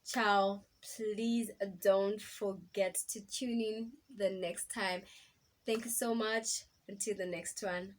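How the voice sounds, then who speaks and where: Woman vlogger doing a slow motivational pep talk, earnest, keeps repeating the point. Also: medium pitch, fairly even intonation. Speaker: lifestyle channel host.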